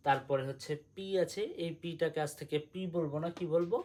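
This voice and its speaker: A man's voice: fairly high pitch, a little fast, a little mellow. A man teaching English letter sounds in a patient lesson, repeating each one and asking the listener to say it back. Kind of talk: slow spoken English lesson.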